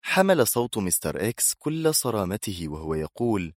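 A man's voice: lowish voice, normal speed, no echo, clean studio sound. A man reading a thriller aloud in scripted, dramatic narration. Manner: dramatic, expressive storytelling.

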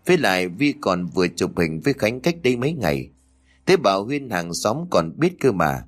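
A man narrating a dramatic audio story in an expressive, measured way. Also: lowish voice.

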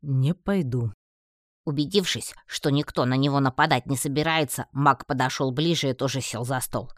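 A reader telling a first-person fantasy audiobook with lively storytelling. The voice sits at a middling pitch, recorded very dry and close. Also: brisk, dry recording. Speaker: audiobook narrator.

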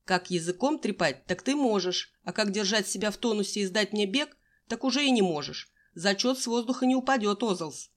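A woman's voice: mid-range voice, lively intonation, fairly quick, voice pushed up, lightly acted. A woman voicing a stern male gym teacher who barks curt orders, in an audiobook.

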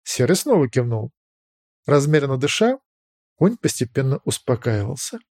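Expressive male audiobook narrator, very varied intonation. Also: medium pitch, moderate pace, no echo, studio quality. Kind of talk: scripted fiction narration.

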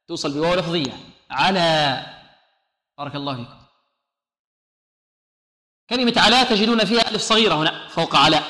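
A man teaching Quran recitation to a class. He poses questions to students, answers them himself, and slows down to demonstrate each word carefully. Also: on the high side, bright, forceful tone. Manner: often repeats a short blessing to students. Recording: echoey room.

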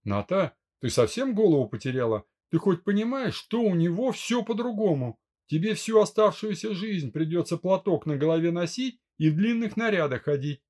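A man's voice: high-pitched, big pitch swings, moderate pace, hardly any pauses, darkish tone, voice pushed up. A man reading a domineering older brother in an audiobook, growling out commands. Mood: stern. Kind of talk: audiobook character voice.

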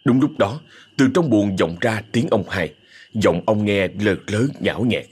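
A man narrating a horror story in a dramatic, expressive way. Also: fairly low pitch, unhurried, slightly rough.

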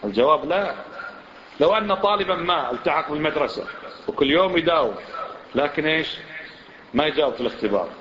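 A man teaches a religious lesson at a rapid clip, firing rhetorical questions at his listeners. His voice sits a little high. The recording is roomy and dull. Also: a bit bright. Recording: echoey room, dull lo-fi sound.

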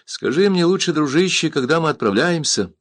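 A man's voice: on the high side, expressive, fairly quick, no echo, pitched above the performer's own voice, close to an everyday voice. A man reading aloud and voicing a steadfast, loyal male comrade who speaks firmly and reassuringly. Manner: firm, reassuring.

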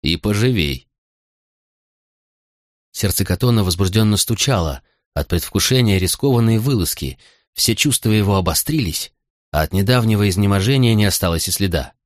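A man narrates an audiobook in a steady, measured way. His voice sits low, and the close recording is dry and free of room sound. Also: no room sound. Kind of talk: scripted narration.

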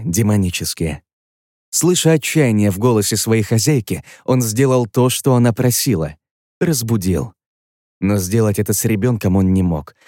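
Dry, low-voiced male storyteller. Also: no room sound. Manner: even storytelling read, voicing every character himself. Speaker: audiobook narrator. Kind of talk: scripted fantasy narration.

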